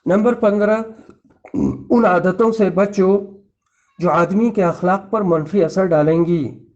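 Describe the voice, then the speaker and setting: High-pitched male preacher with an earnest, admonishing delivery, captured on a dull lo-fi recording. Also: a little mellow. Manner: earnest, admonishing, repeats lists. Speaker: Islamic preacher. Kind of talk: religious lecture in numbered points.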